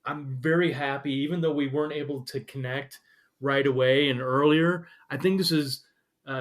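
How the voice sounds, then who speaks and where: A man hosting a podcast interview, talking casually with frequent restarts and fillers. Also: mid-range voice. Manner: halting, many restarts and fillers. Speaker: podcast host.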